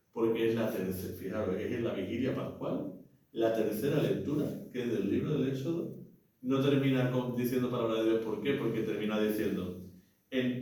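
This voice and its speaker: A man instructing parish readers in a relaxed teaching talk, acting out the readings aloud and often checking that his listeners follow. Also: mid-range voice. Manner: explains by acting out readings, frequent "¿vale?" and "¿no?" checks. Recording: very echoey room, mic far off.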